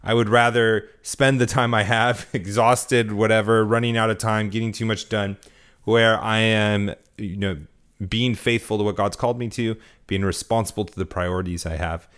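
A man's voice: fairly low pitch, steady tone, moderate pace, fairly bright tone, clear, resonant tone. A tired man hosting his own podcast, talking casually and rising into emphatic rhetorical questions. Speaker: podcast host. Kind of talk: casual political commentary.

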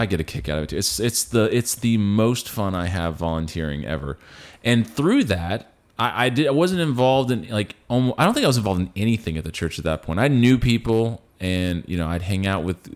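Deep-voiced young male co-host, casual, rambling, self-correcting. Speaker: podcast co-host. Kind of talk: casual podcast chat.

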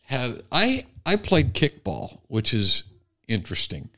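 This middle-aged American comic hosts a podcast full of casual, self-deprecating, jokey storytelling. His medium-pitched voice swoops wildly and has a sharp tone, and he takes it slowly.

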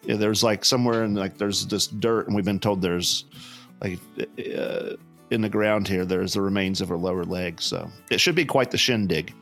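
A low-pitched man, a pastor co-hosting a podcast, tells a story in a loose, meandering way. He stops and restarts often, filling gaps with "uh", and keeps a deadpan tone. Faint music plays under him. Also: normal speed. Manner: rambling, hesitant, full of fillers and restarts, deadpan. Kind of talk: casual podcast chat.

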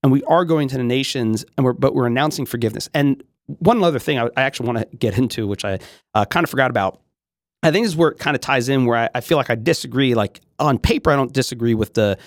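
A man's voice: mid-range voice, fast, no room sound, clean studio sound. A man hosting a podcast, talking through theology in a casual monologue with frequent fillers and restarts. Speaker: podcast host.

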